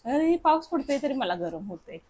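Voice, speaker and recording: A woman's voice: sits high, big pitch swings, normal speed, warm tone, slight background noise. A young woman, chatting casually through a family vlog at home and coaxing her child along. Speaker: vlogger and mother.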